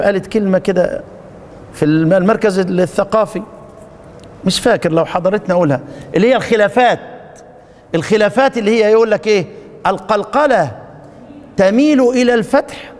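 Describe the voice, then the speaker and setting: High-voiced Upper Egyptian teacher in a reverberant hall. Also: male voice. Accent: Upper Egyptian Arabic. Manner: quizzes students, jokes with them. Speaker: Quran recitation teacher. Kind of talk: casual classroom lecture. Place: mosque lesson hall.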